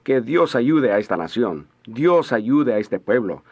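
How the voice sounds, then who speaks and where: A man interpreting a sermon in a steady, measured voice-over. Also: medium pitch. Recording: dull lo-fi audio.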